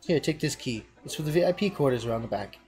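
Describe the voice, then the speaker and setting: A man's voice: mid-range voice, animated, quick pace, darkish tone, soft background music, close to an everyday voice. A man voicing a fretful innkeeper in a video game, reading the lines in an indignant, apologetic way. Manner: indignant, apologetic tavern talk. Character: fretful innkeeper bemoaning cursed cheese. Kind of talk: reading game dialogue aloud.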